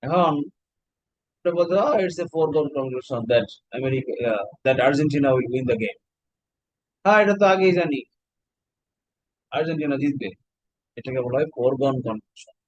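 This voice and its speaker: A man's voice: mid-range voice, expressive, slow pace, long pauses, no echo, dull audio. A Bangladeshi man teaching an online exam-prep class, explaining step by step and quizzing his students with questions.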